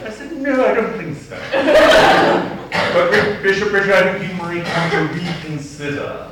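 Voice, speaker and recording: High-sitting and animated with a sharp edge, this middle-aged Boston-accented archdeacon's voice carries wry stories through a humorous sermon, slow and deliberate. A far-off mic captures roomy church acoustics plus a little hiss or hum.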